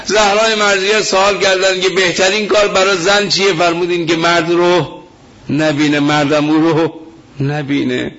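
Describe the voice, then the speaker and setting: A man's voice: high voice, little pitch movement. Impassioned preaching man, lo-fi recording. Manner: impassioned, rising to shouts, quoting scripture. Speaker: cleric preacher. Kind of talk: fiery religious sermon. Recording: dull lo-fi sound with faint noise.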